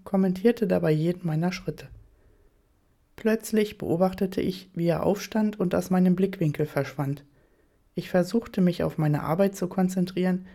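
Woman reading an erotic story, mellow tone. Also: fairly low pitch. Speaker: audiobook narrator.

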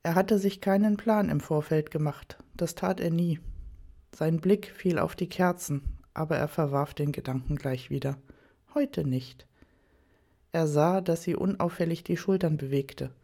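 A reader giving a calm, measured scripted narration of a story, unhurried and even. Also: mid-range voice, vocal fry.

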